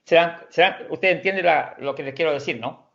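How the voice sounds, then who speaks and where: A man teaching an online language class, explaining slowly and patiently, with frequent restarts and repeated words. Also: on the high side, gravelly, a bit bright, highs cut off. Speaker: Swedish teacher.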